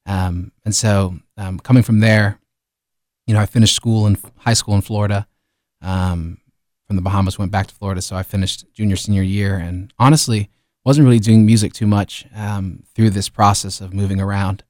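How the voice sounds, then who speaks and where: A man in his thirties, born in Liberia, telling his life story as a musician guest in a radio studio, relaxed and full of fillers. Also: on the low side, moderate pace, dry recording. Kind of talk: casual interview.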